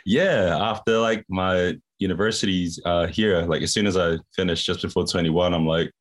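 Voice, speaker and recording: Man, young adult, very low voice, relaxed slangy storytelling, podcast guest. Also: normal speed. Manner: laid-back slangy chatter with frequent laughs. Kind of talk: casual storytelling.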